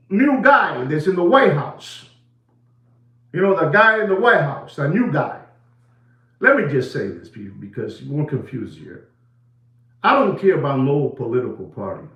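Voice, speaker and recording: Slightly high and a bit bright, the voice of a New York livestream host with a Puerto Rican accent carries a reverberant sound. He chats casually and rambles, with plenty of fillers and snippets of Spanish.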